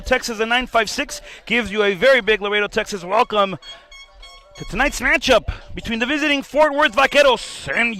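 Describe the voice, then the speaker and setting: A male match announcer delivers a hyped live-stream welcome like a wrestling ring announcer. His voice is high and very bright, with forceful projection. He stretches out key words in a booming, showy way. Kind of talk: bilingual hype introduction for a live stream.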